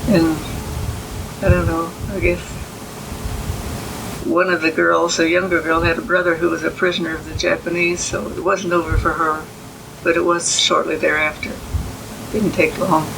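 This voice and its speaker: An elderly American woman, a veteran remembering her service in a halting way during an oral history interview. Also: lowish voice, flat delivery, gravelly, noisy background. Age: 80s or older. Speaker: army veteran being interviewed.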